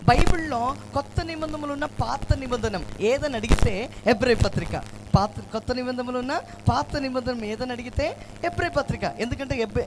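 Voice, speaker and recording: High-voiced preacher leading a call-and-response. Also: male voice, noisy background. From Karnataka, India. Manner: urges the crowd to answer loudly, repeats verses slowly. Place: church gathering with a congregation.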